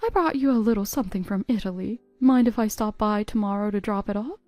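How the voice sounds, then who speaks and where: A woman's voice: medium pitch, fast, darkish tone, no room sound, faint music behind, natural voice. A woman voicing a chatty middle-aged friend who asks nosy questions. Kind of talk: text-story voice acting.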